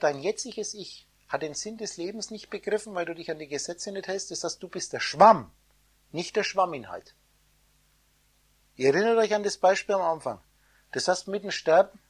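A woman giving an esoteric sermon, preaching in the first person as God, her loudness swinging between soft and loud. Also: lowish voice, husky. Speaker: spiritual teacher.

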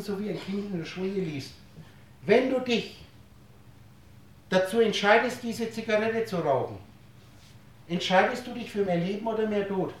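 A lecturer giving a spiritual talk to a live audience, posing rhetorical questions and playing with words, explaining through everyday analogies. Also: mid-range voice. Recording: very echoey room, voice distant from mic.

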